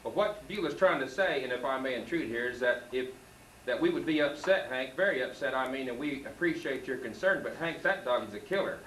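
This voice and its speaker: A man's voice: mid-range voice, lively intonation, a little fast, fairly bright tone, slight background noise. A man reading a children's book aloud at a school program and cueing the student readers, heard on an old home video. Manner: reads the story and cues the student readers. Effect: old home video tape sound. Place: school hall. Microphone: far camcorder mic. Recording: echoey hall taped from far off.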